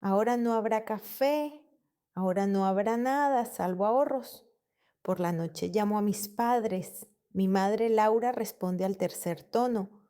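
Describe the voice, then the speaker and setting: A woman reading a first-person family story as narrator, in a calm, measured storytelling manner. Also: medium pitch, smooth.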